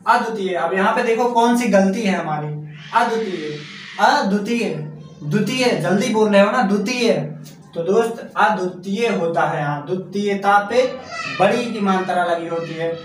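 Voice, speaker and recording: High-voiced teacher in an echoey room. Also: male voice, moderate pace, faint music behind. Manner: repetitive, coaxing, keeps asking the class questions and calling them friend. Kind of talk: exam-prep spelling lesson. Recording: echoey room from far off, faint noise.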